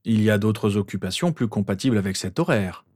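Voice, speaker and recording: Cold, firm father in a storybook reading, a man voicing him, low and dry. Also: expressive, a little fast, a little mellow, no echo, natural voice. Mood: stern.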